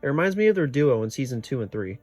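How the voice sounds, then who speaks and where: A man reads a scripted review at an average pitch. Faint music sits behind the voice. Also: big pitch swings, fast talker, a little mellow, no echo.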